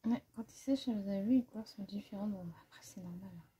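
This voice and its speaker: An art vlogger swatches watercolors while chatting casually through an art-supply haul, thinking aloud and making fun of herself. Her mid-range voice is mellow and slightly rough, and she talks fast.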